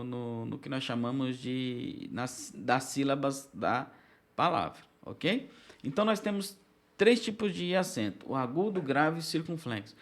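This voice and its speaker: A man's voice: mid-range voice, fairly bright tone. A man with a Brazilian Portuguese accent, teaching a recorded lecture and often checking in with his students. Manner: explanatory, with frequent check-ins and restarts. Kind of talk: recorded lecture on biblical Greek.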